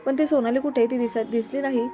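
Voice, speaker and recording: A woman reading the part of a mischievous young wife who speaks softly and pleads. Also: high voice, steady tone, fast, close to an everyday voice. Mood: coaxing. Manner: soft, pleading. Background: background music.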